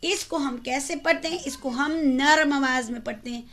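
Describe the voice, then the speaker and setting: Brief: female Quran reading teacher with a high voice, spells out letters, draws out syllables slowly, answers her own questions. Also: fairly bright tone. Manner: asks the listener questions and answers them herself. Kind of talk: step-by-step recitation lesson.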